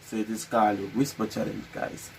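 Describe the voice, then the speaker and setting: A man's voice: fairly low pitch, flat delivery, fairly quick, a little hiss or hum, poor audio. A man with a Jamaican accent chatting playfully in Patois as co-host of a casual challenge video. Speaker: vlog co-host. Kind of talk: casual chat during a couple's challenge game.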